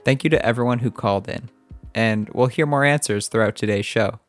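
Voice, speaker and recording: A man from Canada hosting a podcast, asking friendly, curious questions in a relaxed interview chat. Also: mid-range voice, fairly quick, soft background music. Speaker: podcast host.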